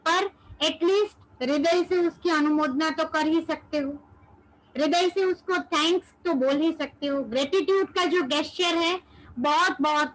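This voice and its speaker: Brief: high-pitched woman, spiritual teacher, rhetorical questions, sprinkles in English words. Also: fairly bright tone, low-quality recording. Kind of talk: devotional teaching session.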